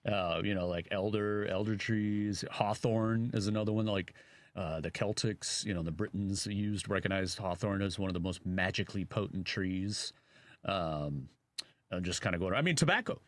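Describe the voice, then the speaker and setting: A man with a Chicago accent co-hosts a radio talk show, chatting casually and rambling with plenty of fillers. His voice is low-pitched and moderately paced, with no room sound.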